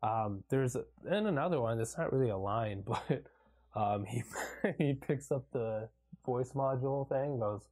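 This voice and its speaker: A man co-hosting a casual movie podcast, excitable and profane, laughing often as he acts out favorite lines. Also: mid-range voice, unhurried. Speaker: podcast co-host. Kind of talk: casual movie review chat.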